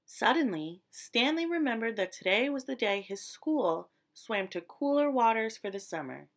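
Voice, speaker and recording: A woman storyteller narrating a children's picture book expressively, with deliberate, dramatic emphasis on descriptive words. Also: a little high, big pitch swings. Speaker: read-aloud storyteller.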